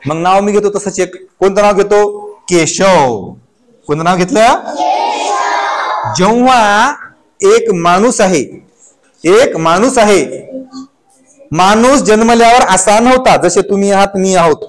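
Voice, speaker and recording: A man's voice: high-pitched, measured pace, long pauses. A man. He fires off questions, waits for answers and chants the letters aloud. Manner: call-and-response questioning of pupils. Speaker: teacher. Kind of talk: classroom lesson. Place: classroom.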